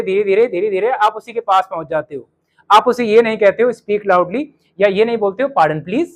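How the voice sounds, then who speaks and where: A male teacher gives a spoken English lesson to his students. He slows right down to say each sample sentence with care. He keeps quizzing the class with rhetorical questions. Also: high voice, rough recording. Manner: says English model sentences slowly and clearly, then quizzes students.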